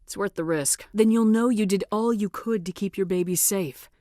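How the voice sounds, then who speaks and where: A woman's voice: mid-range voice, normal speed, dark tone, no echo, studio quality, natural voice. A woman playing a resolute, no-nonsense military space commander in video game dialogue, with a direct, authoritative and controlled delivery. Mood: earnest, persuasive.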